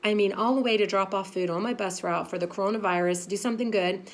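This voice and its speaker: A woman's voice: mid-range voice, steady tone, fast. A woman in her fifties, a pastor's wife, giving a frank, chatty devotional talk with lots of fillers and laughing at herself. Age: 50s.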